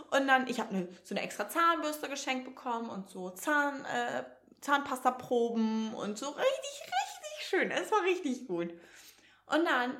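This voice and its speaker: A young woman co-hosting a podcast, chatting casually and acting out quoted dialogue as she tells stories. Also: a little high. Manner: animated storytelling, acts out quoted dialogue. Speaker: podcast co-host. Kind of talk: casual chat. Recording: roomy echo.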